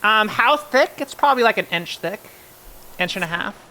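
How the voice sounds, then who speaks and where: A woman's voice: mid-range voice, lively intonation, moderate pace, sharp tone, a little hiss or hum. A woman streamer chatting casually with her viewers while playing a game, rambling and answering chat.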